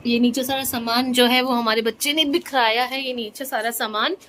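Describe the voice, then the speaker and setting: Young woman, chatty home vlog, playful, slightly high voice, faint room hum, phone camera. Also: steady tone, moderate pace, a bit bright. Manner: chatty, playful teasing about her toddler. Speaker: vlogger. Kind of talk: casual home vlog narration. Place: home bedroom. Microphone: phone front camera.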